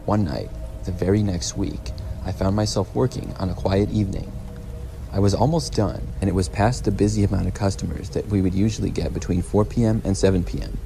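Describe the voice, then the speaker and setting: A man narrating a scripted first-person story in a measured, plain storytelling delivery. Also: low-pitched, steady tone, creaky, over music, rough recording. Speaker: narrator of horror stories.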